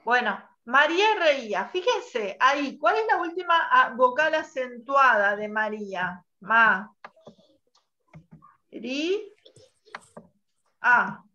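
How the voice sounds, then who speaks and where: A woman teacher leading an online class, patiently quizzing students and spelling out sounds slowly. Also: high-pitched, big pitch swings, bright, forceful tone. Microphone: video call. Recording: muffled online call audio.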